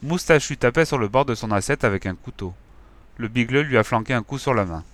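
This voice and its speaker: A man reading a children's story aloud in a lively, expressive way. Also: medium pitch, a little fast. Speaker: audiobook narrator. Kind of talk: scripted children's story narration.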